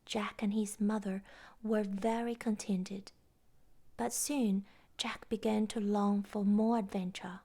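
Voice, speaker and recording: Hushed, husky woman storyteller. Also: mid-range voice, level tone, takes it slowly. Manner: hushed, half-whispered reading. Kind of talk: bedtime story narration.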